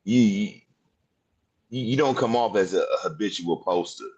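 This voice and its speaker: A man in his fifties hosting a casual interview, excitable and rambling, full of slang. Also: on the low side, unhurried. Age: 50s. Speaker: podcast host.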